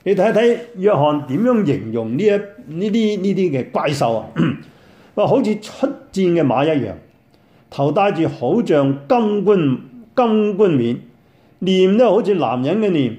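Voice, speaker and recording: An older man preaches, his voice pitched a little high and swinging widely up and down. The tone is mellow, and he exclaims and repeats phrases to drive each point home. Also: sing-song, measured pace. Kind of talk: sermon on scripture.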